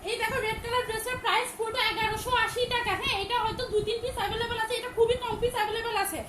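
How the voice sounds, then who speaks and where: A young woman from Chittagong, selling clothes on a live stream in a loud, big voice, repeating each price emphatically. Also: very high voice, steady tone, rapid-fire, background noise. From Chittagong, Bangladesh. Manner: repetitive, emphatic, rattles off prices. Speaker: online clothing seller. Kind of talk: live-stream sales pitch.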